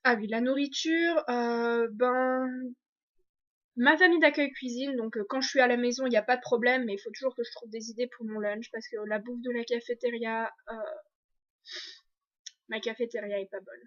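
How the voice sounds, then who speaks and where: A woman's voice: fairly high pitch, fairly even intonation, moderate pace, a bit bright, lo-fi sound. A young woman from France talking casually in a video diary, chatty with many restarts and fillers. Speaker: exchange student vlogger.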